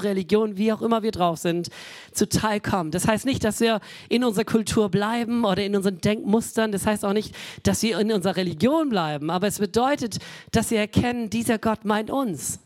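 A woman's voice: medium pitch, a little mellow, no echo. Conversational woman preacher in her forties. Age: 40s. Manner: conversational, addresses the congregation directly; frequent filler sounds and self-corrections. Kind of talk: sermon.

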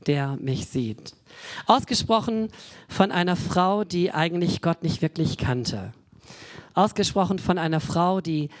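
A woman's voice: on the low side, darkish tone, no echo. A woman in her forties preaching a sermon, talking directly to the congregation with fillers and self-corrections. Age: 40s. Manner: conversational, addresses the congregation directly.

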